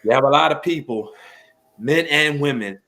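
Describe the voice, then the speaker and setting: A man co-hosting a casual podcast discussion, talking in an animated way and pushing his points with rising emphatic questions. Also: medium pitch, normal speed. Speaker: podcast co-host.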